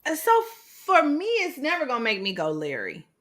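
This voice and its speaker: A woman co-hosting a podcast in casual chat, animated and expressive, laughing often. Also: high-pitched, normal speed. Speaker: podcast co-host.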